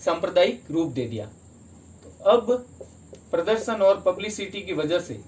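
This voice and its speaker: High-voiced man teaching history. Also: very animated, brisk, darkish tone, a little hiss or hum. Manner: explains step by step, asks and answers his own questions. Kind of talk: exam-prep history lecture.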